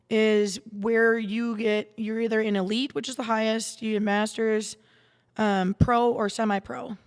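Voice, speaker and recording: Woman podcast guest, chatty and rambling, slightly high voice, long studio reverb. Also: clean tone. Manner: rambling, many restarts and fillers. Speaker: guest, salon owner and darts player. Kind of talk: casual storytelling chat.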